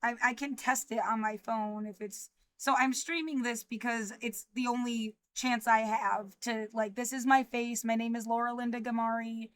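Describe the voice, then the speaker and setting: A woman's voice: fairly high pitch, fairly even intonation, a bit bright, no echo. Anxious rambling woman in her thirties. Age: 30s. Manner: anxious, rambling, halting with many restarts. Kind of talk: livestreamed personal monologue.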